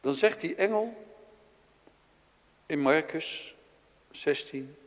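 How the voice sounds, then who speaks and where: A man preaches in a church, his voice carrying a long reverb through the large hall. He tells the story dramatically, acting out the characters' lines. He swings from loud to quiet. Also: a little high, lively intonation, takes it slowly. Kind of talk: sermon.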